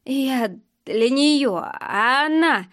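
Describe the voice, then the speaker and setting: A bitter, battered young man, drunk and slurring, as a woman reader puts him on. He mumbles his spite with his words running together. The voice sits a little high and sounds dry and close. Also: takes it slowly, a bit bright, no room sound. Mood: drunk spiteful.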